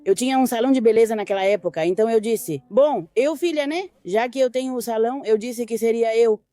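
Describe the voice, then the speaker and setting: A mother recounting her family's story in a quiet, intimate documentary testimony. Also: a little high, fairly quick, no room sound, faint music behind. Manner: quiet, intimate retelling with quoted dialogue. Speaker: grieving mother interviewed.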